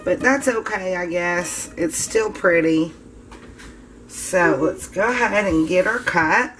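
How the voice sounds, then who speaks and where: Woman, vlog host, bright tone, chatty, casual demo talk, faint hiss. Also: on the low side, takes it slowly. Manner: chatty, addresses viewers as guys. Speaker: soap-making channel host.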